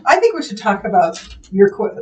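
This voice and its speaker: A woman's voice: medium pitch, big pitch swings, a little fast, distant mic. A woman with a Midwestern American accent co-hosting a live quilt shop show, telling stories and laughing easily. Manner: giggly, storytelling, trails off mid-sentence. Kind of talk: casual live-stream chat. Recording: echoey room, voice off-mic, faint hum.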